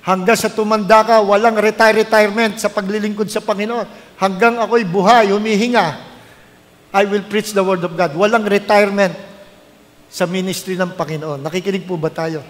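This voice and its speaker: A man's voice: high voice, steady tone, normal speed, long reverb tail. A middle-aged man, a pastor, preaching a sermon and telling his story with animation, mixing English into his talk.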